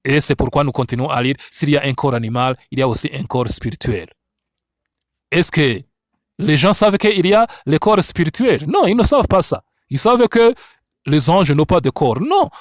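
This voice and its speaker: Animated high-pitched preacher, foreign-accented French. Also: male voice, dry recording, clean studio sound. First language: not French. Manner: emphatic, repetitive, didactic. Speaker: preacher and Bible teacher. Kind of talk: sermon-like Bible teaching with rhetorical questions.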